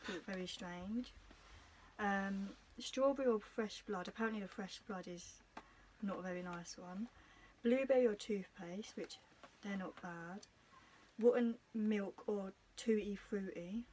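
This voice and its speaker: A woman's voice: medium pitch, unhurried, a little mellow, slight background noise, poor audio. A young British woman hosting a challenge video, chatting casually and giggly with friends in front of a camera. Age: young adult. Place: small domestic room, indoors.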